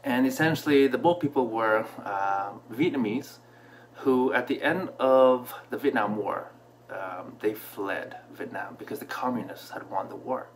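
Man in his thirties, casual storytelling vlog, reflective, mid-pitched voice, faint hum. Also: a little slow. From Canada. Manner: relaxed, reflective, with frequent fillers and restarts. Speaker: vlogger. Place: small room at home, indoors. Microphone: camera in front at desk distance.

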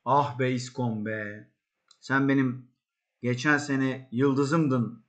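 A man hosting a football management game video, commenting excitedly on the match and shouting at his players. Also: medium pitch, slow pace. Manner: excitable, yells at players, then calm asides.

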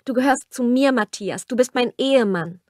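A woman's voice: mid-range voice, normal speed, dry recording, clean studio sound, natural voice. A woman reading a romance audiobook aloud and voicing a passionate young wife, her delivery pleading and emphatic.

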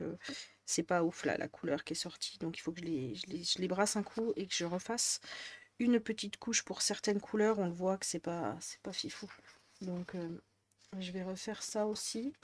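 Woman, northern French accent, casual rambling vlog chat, mid pitch. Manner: rambling, chatty, many fillers. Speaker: crafting vlogger.

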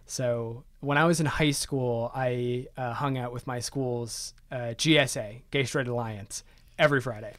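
A man's voice: medium pitch, steady tone, unhurried, a bit bright, no room sound. Dry-sounding young man telling stories casually. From Maryland, USA. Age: 20s. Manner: chatty, many "like" fillers, self-deprecating humor. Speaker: podcast guest. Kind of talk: casual conversational storytelling.

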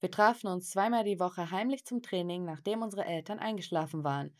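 A woman narrating a scripted, animated first-person story in a lively way. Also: lowish voice, brisk.

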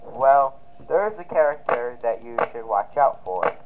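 A man voicing a friendly phone guy in a game, heard over a phone line, giving casual, halting warnings. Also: mid-range voice, animated. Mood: advising.

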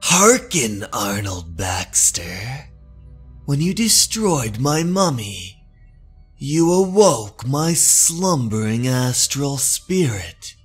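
A man performs a vengeful undead pharaoh from a horror comic. The voice is booming and grandiose, with husky edges and big, swooping delivery. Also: very animated, drawn-out words, faint music behind, full character voice. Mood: commanding, vengeful. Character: booming undead Egyptian pharaoh, commanding vengeful male spirit.

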